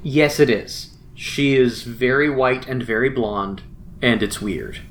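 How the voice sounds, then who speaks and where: A man's voice: medium pitch, slow, a little hiss or hum. A man co-hosting a comic book podcast, chatting casually and often restarting his sentences. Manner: chatty, with frequent restarts and many "mm-hmm"s. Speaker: podcast co-host. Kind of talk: casual chat about comics.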